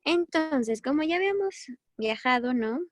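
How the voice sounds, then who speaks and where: A woman's voice: high voice, animated, measured pace, no echo. A woman teaching a recorded medical lecture in a chatty, encouraging way, often correcting herself as she goes.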